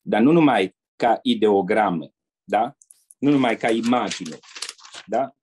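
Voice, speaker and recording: An older man from Romania, a retired diplomat, telling anecdotes as a guest in an interview in a measured way. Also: lowish voice, animated, darkish tone, slight background noise. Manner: measured storyteller who acts out quoted people.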